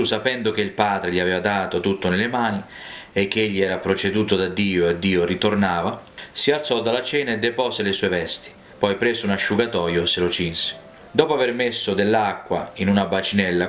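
Low-voiced man reading scripture. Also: a bit bright. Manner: measured, solemn reading. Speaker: Bible reader. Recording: roomy, with faint music.

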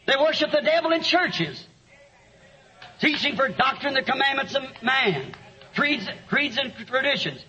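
A man, preaching a sermon with an interpreter and telling stories that rise to shouts. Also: very high-pitched, lively intonation, takes it slowly. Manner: storytelling, rising to shouts. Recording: dull lo-fi sermon recording.

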